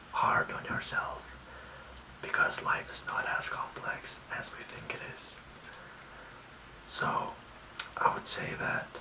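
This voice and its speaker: A young man from Lithuania, giving soft, reassuring self-care tips in a whispered ASMR talk. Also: extremely low pitch, gravelly, roomy sound, far from the mic, poor audio. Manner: soft, slow and gently reassuring. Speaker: ASMR host.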